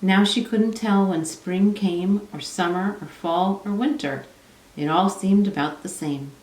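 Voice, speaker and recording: Woman, children's read-aloud, lowish voice, echoey, distant mic. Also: a little slow, darkish tone. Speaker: storybook reader.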